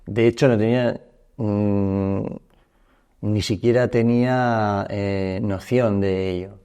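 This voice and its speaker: Low, warm-voiced Spanish man in his fifties. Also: steady tone, clean tone. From Spain. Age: 50s. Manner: halting, restarts sentences. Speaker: guest. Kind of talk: personal storytelling interview.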